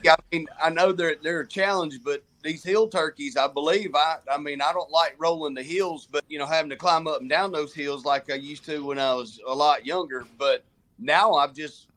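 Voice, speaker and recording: Alabama land manager guy, plain talk, kinda high voice, lots of ums. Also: fairly even intonation, fairly bright tone. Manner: plainspoken, halting with fillers. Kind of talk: casual podcast chat.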